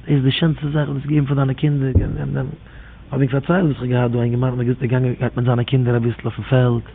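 A man's voice: mid-range voice, completely flat delivery, fast, creaky. A man telling rambling religious stories and teachings in an informal way, repeating his phrases in a near chant. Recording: tinny phone-like audio with faint noise.

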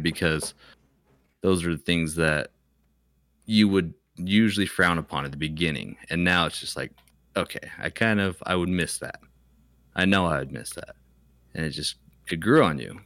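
A man's voice: sits low, a bit bright, dry recording, studio quality. A man co-hosting a podcast, chatting casually in a rambling, reflective way. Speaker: podcast co-host. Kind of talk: casual group chat.

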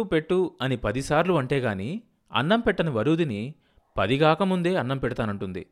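A man reading a novel aloud in measured storytelling narration. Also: mid-range voice. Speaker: audiobook narrator.

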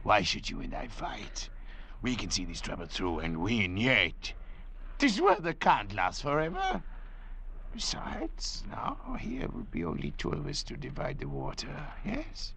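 Scheming persuasive doctor in old style drama, gravelly n sharp, very theatrical, slight noise. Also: male voice, mid-range voice, wildly swooping pitch, unhurried, exaggerated voice. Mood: wary, persuading. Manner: earnest, oratorical, controlling. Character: calculating, persuasive male doctor leading desperate castaways.

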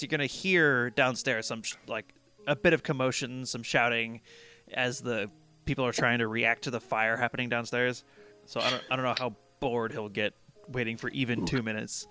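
A man narrating as game master in a tabletop game, with a relaxed, chatty way of talking. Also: mid-range voice. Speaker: dungeon master.

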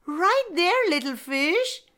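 A woman voicing a curious young village boy in a high, excited voice. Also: slow, exaggerated voice. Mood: eager.

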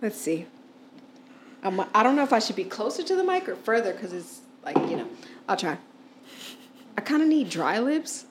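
A woman's voice: medium pitch, moderate pace, long pauses, noisy background. A woman co-hosting a casual podcast chat, giggly and a little tipsy. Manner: giggly, relaxed, a bit tipsy. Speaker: podcast co-host.

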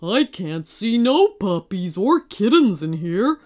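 A woman's voice: mid-range voice, very animated, takes it slowly, darkish tone, faint music behind. A woman voicing a dim-witted, timid male burglar in a storybook reading, whiny and stammering.

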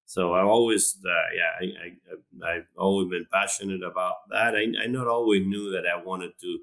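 Deep-voiced Argentine man, bright tone. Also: fairly even intonation, moderate pace, vocal fry, low-quality recording. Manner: hesitant, many restarts and fillers. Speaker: animal science professor, guest. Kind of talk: conversational interview.

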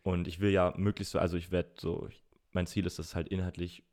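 A man's voice: deep voice, little pitch movement, fast, darkish tone. A young man in his twenties, co-hosting a podcast in casual chat, explaining things at length with many fillers. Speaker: podcast co-host.

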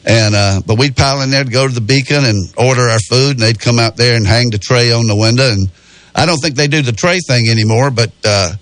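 A man's voice: medium pitch, a little fast, a bit bright, dry recording. Southern man with a folksy rural drawl. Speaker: radio show host. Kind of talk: casual sports talk radio chat. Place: radio studio. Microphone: close studio microphone.

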